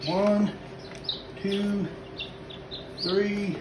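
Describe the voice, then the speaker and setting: Man, folksy homestead vlogger, phone at arm's length, slightly high voice, faint farm noise behind. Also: level tone, drawn-out words. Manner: folksy, chatty, says y'all. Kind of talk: casual how-to vlog. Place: farm barn and backyard outdoors. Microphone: phone camera at arm's length.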